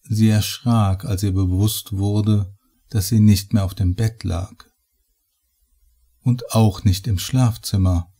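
Slow, dark-voiced male horror narrator. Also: fairly low pitch, fairly even intonation, breathy edge. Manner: measured, slow storytelling. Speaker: audiobook reader.

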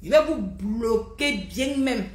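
High-voiced woman ranting on a livestream. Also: slow, echoey room. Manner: animated, mocking, repetitive. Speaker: livestream host. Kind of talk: heated live-stream rant.

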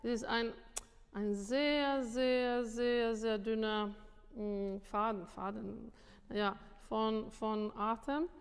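A woman, a singing teacher coaching a student in a masterclass, animated and tired, repeating words and slipping into English. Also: fairly high pitch, takes it slowly, clear, resonant tone. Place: music school room. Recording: long room reverb.

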